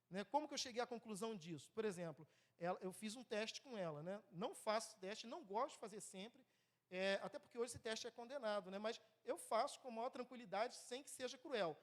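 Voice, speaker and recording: Preaching in a church, a man in his thirties with a Brazilian Portuguese accent keeps things conversational and checks in often with the congregation. His voice sits high, and he's lively, shifting between loud and soft.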